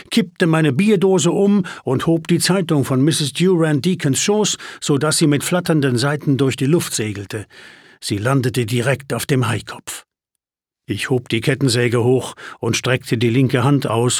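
A man narrating a first-person story as an audiobook, animated, with sudden rises in pitch. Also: breathy edge, dry recording, studio quality.

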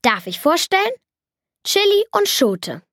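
A woman's voice: a little high, very animated, a little slow, a bit bright, no echo, studio quality. A woman voicing an eager, proud young boy in a children's audiobook.

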